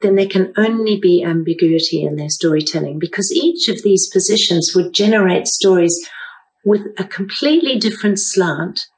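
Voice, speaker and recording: An older woman giving a storytelling lesson as a speaker and author, with measured, clear explanations. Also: lowish voice, a little hiss or hum, rough recording.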